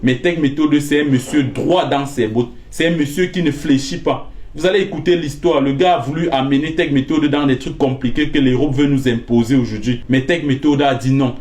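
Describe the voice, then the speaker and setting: A man's voice: mid-range voice, moderate pace, hardly any pauses, darkish tone, echoey room. A man presenting a channel, recounting another man's story in an emphatic narrating style. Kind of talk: narrating commentary.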